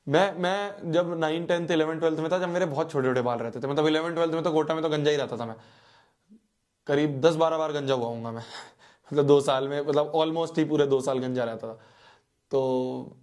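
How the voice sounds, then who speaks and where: Animated young man. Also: on the high side. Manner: animated, playful, acts out people in the story. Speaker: teacher. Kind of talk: casual storytelling to students.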